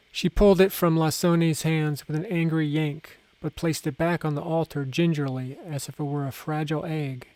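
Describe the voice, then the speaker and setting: A male narrator reads a fantasy audiobook at a measured, unhurried pace. His voice sits a little high for a man. The recording is close and dry, with no room echo. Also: darkish tone.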